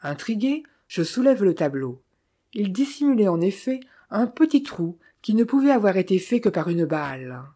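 A woman reading the lines of a small, courteous older male detective in formal, measured speech. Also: medium pitch, big pitch swings, mellow.

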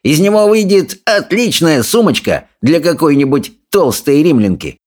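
A cocky Viking bully boy jeers and hisses threats in a storybook, put on by a male narrator. The voice sits much higher than the reader's own and drips with mockery. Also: sing-song, normal speed, a little mellow. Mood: mocking. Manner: mocking, hissing threats. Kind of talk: audiobook character voice.

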